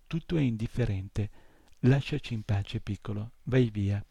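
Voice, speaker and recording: A man's voice: on the low side, vocal fry, dark tone, husky, no echo, full character voice. A man doing an ancient weary turtle, Morla. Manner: slow, gurgling, talks to herself. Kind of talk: audiobook reading.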